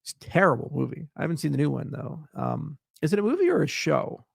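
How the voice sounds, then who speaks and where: A man's voice: fairly high pitch, huge pitch swings, fast, gravelly, slightly rough, dry recording, clean studio sound. A middle-aged man hosting a casual livestream Q&A, telling a long anecdote with many fillers and restarts. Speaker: livestream host answering viewer questions.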